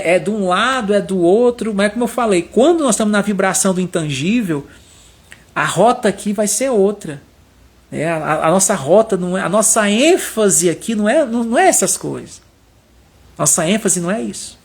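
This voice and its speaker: A man's voice: high-pitched, husky. A man leading a Bible study, preaching in a conversational way and often tagging his sentences with short questions. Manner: conversational, repeats tag questions. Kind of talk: informal sermon.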